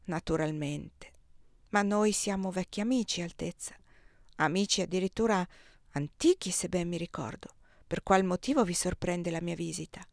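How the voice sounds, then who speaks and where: A woman's voice: normal speed, a little mellow, dry recording, studio quality, close to an everyday voice. A woman reading as a bitter, weary emperor. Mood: weary cold. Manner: low and clipped, then roaring in anger. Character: weary, bitter male emperor, middle-aged.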